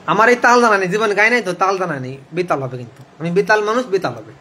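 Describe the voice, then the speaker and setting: A man who sings devotional hymns slowly and breaks off to explain them casually to listeners. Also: sits high, animated, pushed and bright, husky. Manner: chants slowly, then explains casually to viewers. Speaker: devotional singer and reader. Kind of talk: sung hymn recitation with spoken commentary.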